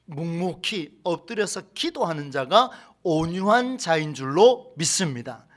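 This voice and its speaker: A man preaching a Sunday sermon as a pastor in a church, animated, with rhetorical questions and acted-out quotes. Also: fairly high pitch, unhurried. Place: church sanctuary.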